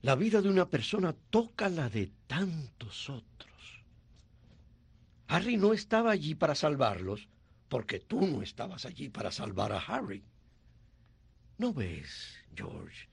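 An actor dubbing an elderly, gentle male guardian angel with a husky, gravelly voice, speaking slowly and pleadingly in film dialogue. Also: a little high, sing-song, no echo, exaggerated voice. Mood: gently pleading.

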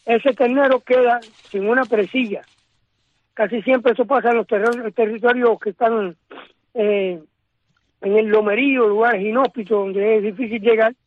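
A man with a Cuban accent, an independent journalist, speaking emphatically over a phone line with frequent restarts. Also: very high-pitched. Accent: Cuban Spanish. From Cuba. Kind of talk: phone interview.

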